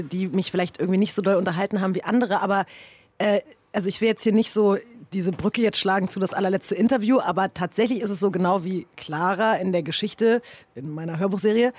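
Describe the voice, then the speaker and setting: Hungover woman, rapid chatty talk, dry close sound, casual podcast guest. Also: mid-range voice, no room sound. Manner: fast, chatty and self-deprecating. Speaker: guest, radio host.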